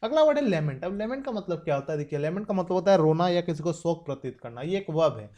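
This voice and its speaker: Mellow Indian man teaching vocabulary. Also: on the high side, lively intonation. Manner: explains in Hindi, reads English example sentences slowly. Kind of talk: exam-prep vocabulary lesson.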